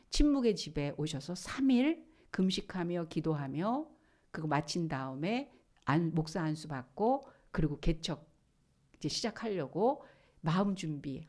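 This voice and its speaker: A middle-aged woman pastor delivers a sermon in a lowish, mellow voice. She tells her story with drama, crying out quoted lines and then sinking to a hushed whisper. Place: church.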